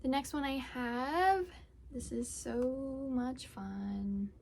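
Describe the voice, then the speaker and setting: A woman's voice: sits high, very slow, creaky, a little mellow, slight background noise. A young woman hosting a casual crafting podcast, chatting in a rambling way with lots of fillers as she shows her work. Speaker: podcast host and yarn dyer. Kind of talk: casual chat.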